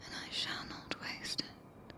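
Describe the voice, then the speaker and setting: A British woman voicing a tender, possessive, regal witch in a breathy, intimate whisper for an ASMR roleplay, speaking archaic English close to the microphone. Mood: solemn, devoted. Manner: slow, hushed, intimate, solemn. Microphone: close binaural microphone.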